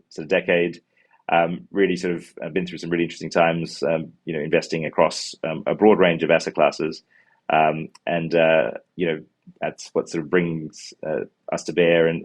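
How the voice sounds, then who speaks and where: Pitching his fund and fielding questions, a man in his forties talks over a video call through earbuds from an indoor office walled with glass. Born in Sri Lanka and raised in New Zealand, he has a Kiwi accent. He fills his explanations with ums and uhs and often restarts words.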